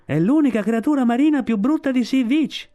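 A rude seagull, as a male reader puts him on, mocking from overhead in a storybook. The voice leaps high and shrill, loud and jeering, with faint music beneath. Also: fairly quick.

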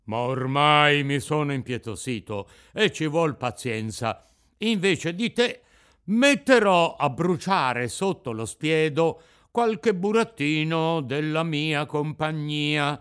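A man voicing a gruff, bearded puppet-master, loud and rasping, who blusters but is soft-hearted. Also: a little high, animated, slow pace, voice pushed up. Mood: grumbling. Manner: blustering, sneezing fits. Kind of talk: audiobook reading.

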